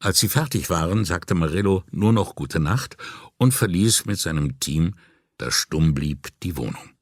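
Deep-voiced man reading an audiobook. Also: expressive, unhurried, dry recording, clean studio sound. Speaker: audiobook narrator. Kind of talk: scripted narration.

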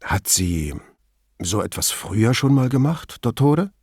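A man reading an audiobook, voicing a middle-aged male police commissario who is polite and wary, speaking low and hesitantly. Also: very animated, slow pace, a bit bright, slightly rough, dry recording, studio quality, heavily acted.

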